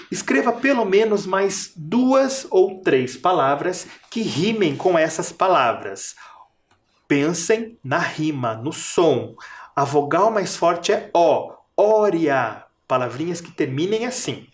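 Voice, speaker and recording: A patient teacher with a Brazilian Portuguese accent guides young children through rhymes in a fairly high voice. He draws out each word slowly and clearly. The sound carries a noticeable room echo. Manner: patient, slow and clear, spells out rhyming words for children. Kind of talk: video lesson for primary school children.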